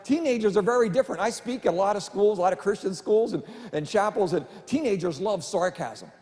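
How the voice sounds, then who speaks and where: Fairly quick and animated, a middle-aged man jokes about himself in family-friendly stand-up at a church. His high voice has a darkish tone. Long reverb and faint noise from the live hall surround him.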